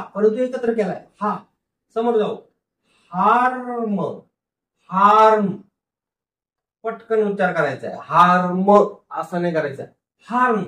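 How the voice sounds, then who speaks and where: Man teacher stretching out each sound, high voice, mic kinda far off. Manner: sounds words out slowly syllable by syllable, then repeats them; asks the class questions and answers them himself. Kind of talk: phonics lesson. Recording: roomy echo, mic far off.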